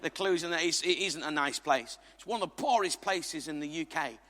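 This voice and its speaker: English guy preaching, jokey asides to the crowd, bright high voice, echoey church hall. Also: brisk. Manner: lively, jokey, emphatic preaching with asides to the congregation. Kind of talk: sermon. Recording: reverberant hall.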